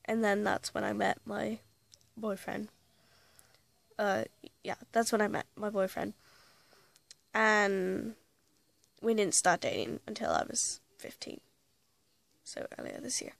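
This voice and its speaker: A woman with a mid-range, creaky voice speaks slowly with lively intonation and frequent pauses, recorded with no room sound. In a casual vlog she plays an invented actress, telling a rambling, chatty story and correcting herself, while fighting a slight cold and losing her voice.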